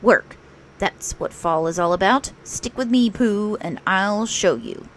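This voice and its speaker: A woman's voice: mid-range voice, measured pace, a little hiss or hum, close to an everyday voice. A woman voicing a fussy, bossy male storybook rabbit who scolds and instructs emphatically. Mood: scolding, instructive.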